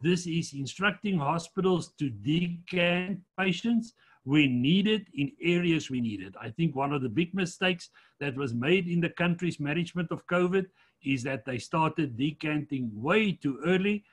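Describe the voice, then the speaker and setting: A man presenting slides in a lecture, measured but fairly quick, with frequent fillers. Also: on the high side, expressive, husky.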